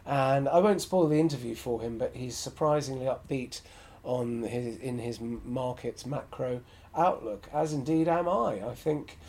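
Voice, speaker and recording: A man's voice: mid-range voice, moderate pace, a little mellow. A man hosting a solo podcast, talking frankly and with strong opinions as he thinks aloud. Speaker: podcast host.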